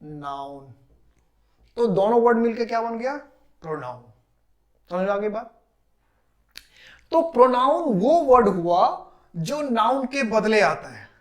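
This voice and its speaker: A man teaching English grammar in a classroom lecture. He asks questions, answers them himself and repeats key terms slowly. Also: high-pitched, very animated. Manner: drills terms with repetition.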